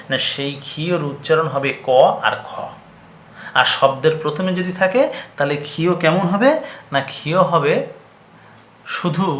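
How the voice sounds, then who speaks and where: A man with a fairly high voice teaches a pronunciation lesson for an exam. He poses questions and answers them himself, then repeats each example word slowly. The sound bounces around an echoey room. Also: fairly bright tone. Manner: explains rules by asking and answering his own questions.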